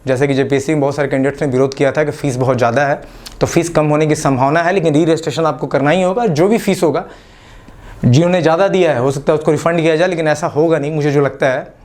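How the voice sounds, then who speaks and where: Man with a Jharkhand Hindi accent, fairly high voice, casual motivational exam-coach delivery with English phrases mixed in. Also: steady tone, fast, a little mellow. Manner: casual, repeats "ठीक है" as a filler. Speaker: exam coaching channel host. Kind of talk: exam-prep talk to the camera.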